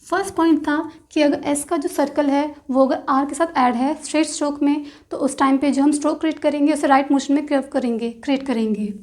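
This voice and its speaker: High-voiced woman teaching shorthand. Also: fairly even intonation, darkish tone. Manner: slow, deliberate spelling out of example words. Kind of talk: explaining lesson.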